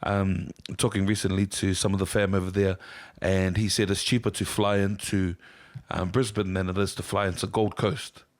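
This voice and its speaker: Male Kiwi chat host, slightly deep voice, informal, keeps the questions coming. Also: level tone, normal speed. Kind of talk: casual chat, asking questions.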